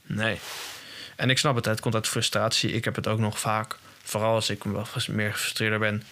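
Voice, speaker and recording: Young man with a bright, rambling delivery. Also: lowish voice, monotone, normal speed. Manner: rambling, searching for words, frequent restarts. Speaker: podcast host. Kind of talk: casual monologue.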